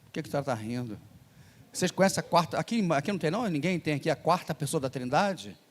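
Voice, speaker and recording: An older Brazilian man preaching in a reverberant church hall, his sermon spilling out quickly in a hurried, animated rush. His voice sits a bit high for a man, and he keeps turning to banter with the congregation as he tells his story. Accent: Brazilian Portuguese. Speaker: missionary pastor.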